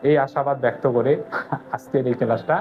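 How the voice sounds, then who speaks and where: A male teacher walks students through a whiteboard grammar lesson, asking questions and answering them himself. He drags out key words and repeats them slowly. His voice sits in a middle pitch, and the audio is narrow and tinny like a phone line, with faint music underneath. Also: steady tone.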